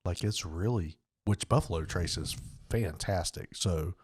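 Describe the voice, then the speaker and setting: A Southern US man co-hosts a podcast, chatting easily over bourbon in a very low, deep voice with a breathy edge. His unhurried, laid-back drawl has the soothing tone he says listeners fall asleep to.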